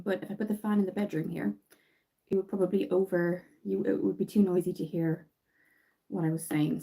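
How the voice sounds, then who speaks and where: A woman's voice: medium pitch, warm tone, rough recording. An Irish woman doing a casual makeup tutorial on a livestream from her bedroom, chatty and rambling with many fillers. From Ireland. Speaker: makeup vlogger. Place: bedroom at home.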